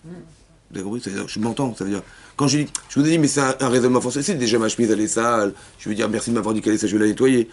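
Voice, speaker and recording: A rabbi teaches a Torah lesson for women at a rapid clip, circling back on his points and pausing to ask whether everyone understood. His voice sits at an ordinary middle pitch for a man. He slips into short acted-out exchanges to illustrate what he means. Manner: rapid, repetitive, often checks if listeners understood; acts out dialogues within his explanations.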